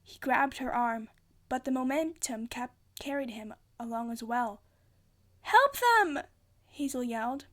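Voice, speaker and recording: A woman with a high voice narrates a story as an amateur reader. Her delivery is theatrical and dramatic, and she often trips and rereads a phrase. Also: fairly even intonation, moderate pace.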